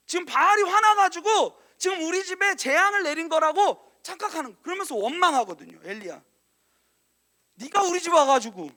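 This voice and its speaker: High-pitched, lively male preacher. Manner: animated storytelling, acting out quoted lines in a hushed lower voice; conversational, often addressing the congregation directly. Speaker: youth pastor. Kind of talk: sermon.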